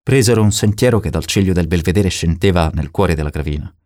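Deep-voiced man reading an audiobook. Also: no room sound, clean studio sound. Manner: steady, measured reading. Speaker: audiobook narrator. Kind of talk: scripted narration.

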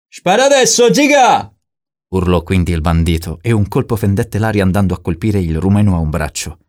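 A man reading a novel aloud as narrator in a steady, measured way. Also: low-pitched, dry recording, studio quality. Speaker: audiobook narrator. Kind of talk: scripted narration.

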